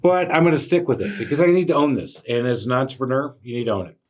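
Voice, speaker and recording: A man telling his own workplace stories as a podcast host, animated and full of fillers. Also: medium pitch, quick pace. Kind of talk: casual storytelling chat.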